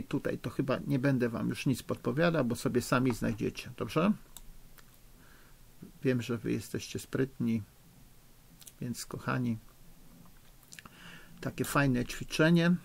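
A middle-aged man teaching children in a recorded lesson, slow, patient and encouraging, spelling out rules. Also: mid-range voice, vocal fry, breathy edge. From Poland. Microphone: recording for a lesson video.

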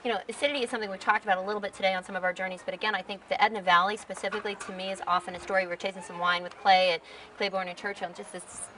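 A woman's voice: mid-range voice, steady tone, racing, pushed and bright, recorded from a distance, a little hiss or hum, rough recording. A woman interviewer speaking in an enthusiastic, talkative way. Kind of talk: casual interview. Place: outdoors at a winery.

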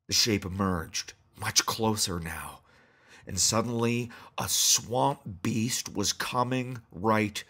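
A man narrating a horror story in a measured, deadpan way. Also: lowish voice, breathy edge.

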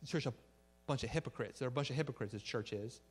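A man's voice: mid-range voice, quick pace, breathy edge. Man preaching in a casual, chatty way. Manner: conversational, acts out little dialogues, fillers like "like"; earnest prayer to close. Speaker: pastor. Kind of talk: sermon.

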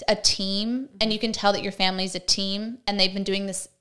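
A young adult woman chatting casually on a podcast as an actress guest, animated and filling her talk with "like.". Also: medium pitch, fairly quick. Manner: chatty, animated, heavy use of "like".

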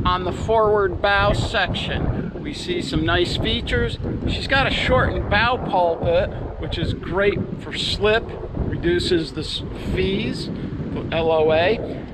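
Slow, high-voiced man touring a boat. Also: heavy background noise. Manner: upbeat salesman pitch, pointing out features. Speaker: yacht broker giving a boat tour. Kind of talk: walkthrough tour narration. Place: outdoors on a boat at a marina.

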